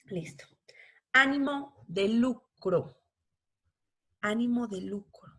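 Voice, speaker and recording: Woman law teacher, fairly high voice, patient, explains step by step. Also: slow, fairly bright tone, breathy edge. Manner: explanatory, often checks understanding with "¿listo?". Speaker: law lecturer. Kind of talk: online law class.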